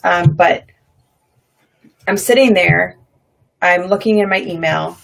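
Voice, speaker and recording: A woman casually telling a personal faith story, animated and full of "like" and "um". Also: lowish voice, takes it slowly, gravelly. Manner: animated, dramatizes her own past reactions; many fillers like "like" and "um". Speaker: vlogger sharing faith stories.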